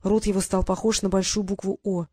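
A woman narrating a children's fantasy audiobook in an even, measured reading. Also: medium pitch. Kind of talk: scripted fiction narration.

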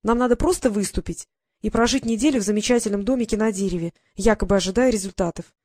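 A woman voicing a bossy, lively young fairy girl in an audiobook, with a brisk manner. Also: mid-range voice, dry recording, natural voice.

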